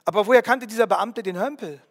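A man narrating a first-person story in an earnest, vivid way, with quiet emotion. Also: high-pitched, fast talker, long reverb tail.

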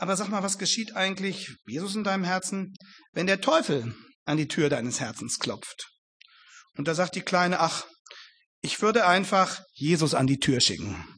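A man preaching a sermon in German, speaking emphatically, addressing his listeners directly and slowing down on quoted Bible verses. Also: high-pitched, sharp tone.

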